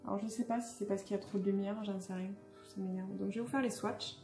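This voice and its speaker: Young woman vlogger, casual and halting, mellow tone, echoey room with faint music. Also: mid-range voice, fairly even intonation. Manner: hesitant, many fillers and restarts. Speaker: beauty vlogger. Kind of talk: casual unboxing chat.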